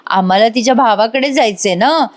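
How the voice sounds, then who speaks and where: A woman's voice: on the high side, normal speed, natural voice. A woman reading out the lines of a nervous, scheming middle-aged man in a TV serial recap.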